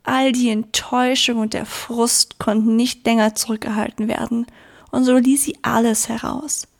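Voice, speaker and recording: Female storyteller, gentle bedtime reading, speaks to the listener, slightly high voice. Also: level tone, normal speed, vocal fry.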